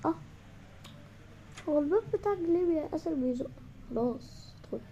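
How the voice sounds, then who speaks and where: A woman's voice: sits high, lively intonation, brisk, mellow, muffled recording, slight background noise. A young woman with an Egyptian Arabic accent, playfully acting out bickering characters in a game and switching between voices. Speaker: gamer.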